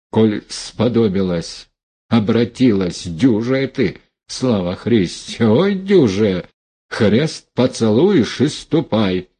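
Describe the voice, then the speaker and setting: Male reader as a fanatical backwoods prophet; slow, preachy drawl, dark and husky. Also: on the low side, exaggerated voice. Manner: drawling rustic dialect, preachy, threatening. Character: fanatical self-styled male prophet, menacing.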